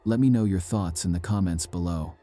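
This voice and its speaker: A man giving a measured, ominous scripted narration of eerie true stories. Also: deep voice, mellow, soft background music.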